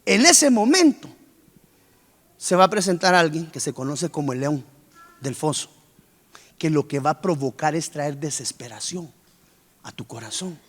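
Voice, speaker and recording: A man preaching a sermon as pastor, with sudden surges of pitch and force, acting out worried church members. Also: very animated, normal speed, long pauses. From Guatemala. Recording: long reverb of a church hall.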